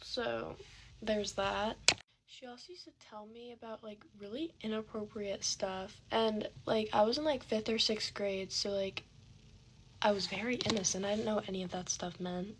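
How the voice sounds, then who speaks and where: A woman telling a rambling storytime while getting ready, soft-spoken with many fillers, recorded on a phone set back from her. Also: mid-range voice, moderate pace, noisy background. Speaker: vlogger.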